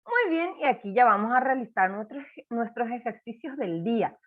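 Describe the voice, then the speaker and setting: A woman teaching a first-grade class, slow and encouraging, spelling words out for young children. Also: fairly high pitch, animated, narrow, tinny audio. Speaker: primary school teacher.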